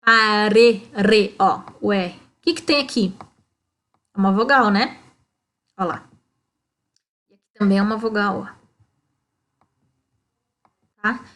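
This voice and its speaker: In a mid-range, fairly bright voice, a Brazilian woman with a Brazilian Portuguese accent takes a primary class through a lesson. She is slow and explanatory, working step by step and often saying "ó" and "tá?".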